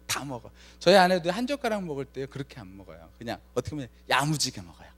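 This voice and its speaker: A man preaching a Friday night sermon as pastor, telling a story with acted-out lines and questions to the congregation. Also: medium pitch. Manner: lively storytelling, acts out quoted lines, asks the congregation questions. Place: church sanctuary.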